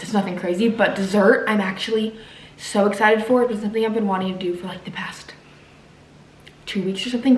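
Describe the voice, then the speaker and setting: A woman with a fairly high voice talks casually through her food while recovering from having her wisdom teeth out. She sounds like a home vlogger in a clearly echoey room, with faint noise behind her. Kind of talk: casual chat to camera, narrating meals.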